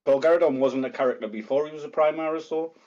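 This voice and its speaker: A man's voice: fairly high pitch, rapid-fire, mellow, lo-fi sound. A man co-hosting a podcast, talking casually and knowledgeably, telling stories and swearing. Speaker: podcast co-host. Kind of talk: casual banter.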